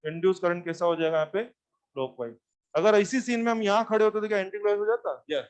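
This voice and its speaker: A man teaching physics to a class, animated and often repeating questions back to students. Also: sits high, fast talker, clear, resonant tone. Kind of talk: classroom lecture.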